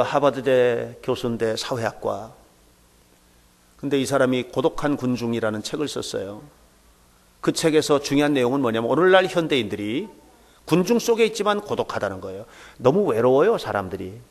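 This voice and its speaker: A man's voice: mid-range voice, gravelly. A man preaching a sermon as pastor, asking the congregation rhetorical questions and acting out the dialogue in his stories. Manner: acts out quoted dialogue in anecdotes.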